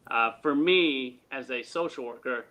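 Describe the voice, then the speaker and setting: Bright-voiced man, earnest interview guest. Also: medium pitch, unhurried, dull audio. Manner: earnest, animated, uses sports analogies. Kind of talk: casual interview chat.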